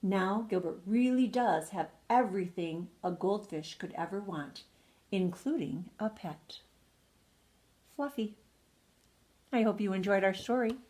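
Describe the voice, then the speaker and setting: An older woman, a retired second-grade teacher, reads a children's bedtime story expressively, stretching out words for emphasis. Her voice is medium-pitched with a darkish tone and a moderate pace.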